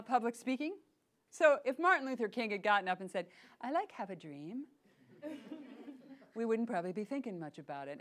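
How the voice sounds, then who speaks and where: A middle-aged woman leading a voice workshop, playful and lively, demonstrating sounds and asking her group questions. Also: medium pitch. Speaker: voice workshop teacher. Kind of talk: workshop teaching.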